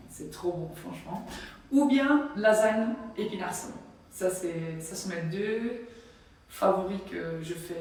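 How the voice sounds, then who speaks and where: A woman's voice: mid-range voice, warm tone, a little hiss or hum. A young woman from Belgium, a Flemish speaker with a Flemish accent, chatting casually and with many fillers as she gives a tour of her home. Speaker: volleyball player. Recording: echoey room from a distance.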